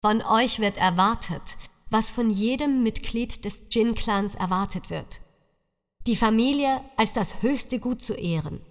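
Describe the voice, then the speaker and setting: A woman's voice: a little high, a little slow, long reverb tail, lightly acted. A woman voicing a stern male clan judge who speaks in solemn, formal pronouncements, with music underneath.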